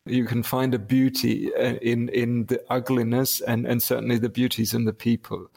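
A man in his fifties from Germany with a German accent, answering interview questions in a halting way with many restarts. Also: mid-range voice, little pitch movement, creaky, darkish tone, husky. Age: 50s. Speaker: guest, industrial designer. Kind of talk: casual interview.

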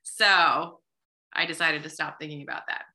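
A woman's voice: deep voice, steady tone, moderate pace, sharp tone. A woman in her thirties hosting a podcast, chatting reflectively and often saying "like". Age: 30s. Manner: reflective, chatty, heavy use of "like". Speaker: podcast host. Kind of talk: casual conversational interview.

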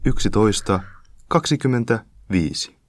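A young man putting on the voice of a train station announcer, reading slowly and formally. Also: lowish voice, animated, lightly acted. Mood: announcing.

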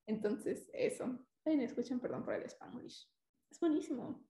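Female podcast co-host, casual and self-mocking, giggly delivery, high voice, roomy echoing sound. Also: sing-song, unhurried, dark tone. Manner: giggly, self-deprecating, playful. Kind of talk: casual chat between podcast co-hosts.

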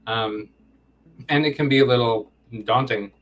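A man's voice: mid-range voice, a little slow, a bit bright. Rambling joking man around thirty. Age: 30s. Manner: rambling, self-deprecating joking. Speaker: comic co-creator, guest. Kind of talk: casual interview.

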